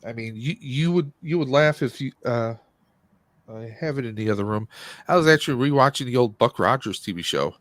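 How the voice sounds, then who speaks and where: On a dry recording, a podcast host in his forties talks at a fairly quick clip in an animated, medium-pitched voice. He's chatting casually about movies and games on a livestream, full of jokey asides.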